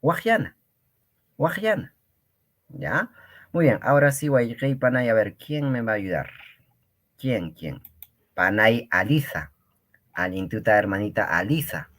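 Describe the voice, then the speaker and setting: A man with a Peruvian Spanish accent leads an online language lesson, repeating each word so his students can follow. His voice sits a little low, and he takes his time. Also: animated, a bit bright. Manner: patient, repeats words slowly for students. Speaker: Quechua language teacher. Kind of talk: online class.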